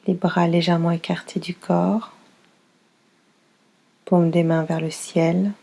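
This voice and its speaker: A woman instructor leads a guided yoga nidra relaxation, soothing and unhurried, in short phrases separated by pauses. Her voice is lowish, creaky and warm, with a level tone.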